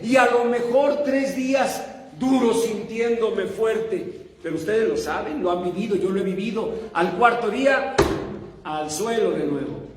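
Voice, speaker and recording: A male pastor preaching a sermon, telling a story with quick humorous asides and questions to the congregation. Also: high voice, far from the mic. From Mexico. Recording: echoey hall, voice from afar.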